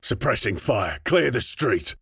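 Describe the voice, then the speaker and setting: A man's voice: mid-range voice, very animated, unhurried, vocal fry, slightly rough, no room sound, clean studio sound, voice pushed up, full character voice. A man reading the part of a hard, unflappable male squad sergeant, barking clipped military orders in an audiobook.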